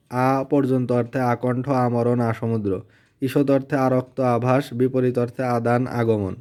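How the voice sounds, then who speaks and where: A man with a Bangladeshi Bengali accent reads a grammar word list aloud, one term after another. His voice is very dark and mellow, and his pitch stays level and flat. The delivery is an unhurried lesson recital. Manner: flat, steady word-by-word listing. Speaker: teacher.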